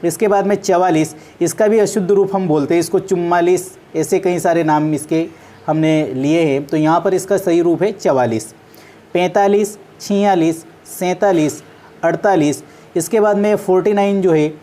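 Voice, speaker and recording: A woman's voice: fairly low pitch, mellow. A woman teaching a maths class on video, patiently going through number names one at a time and correcting common mistakes.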